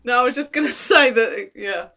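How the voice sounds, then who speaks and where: Self-mocking improviser with a bright voice. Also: medium pitch, expressive, normal speed, vocal fry. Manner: self-mocking, laughing asides. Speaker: improv performer. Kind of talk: casual banter.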